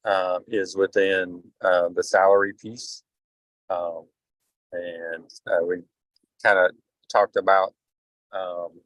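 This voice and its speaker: A man calling in on a speakerphone while driving his car, briefing a school board as a district administrator in a halting, filler-heavy way. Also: deep voice, fairly bright tone, dry recording, rough recording. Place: in a moving car.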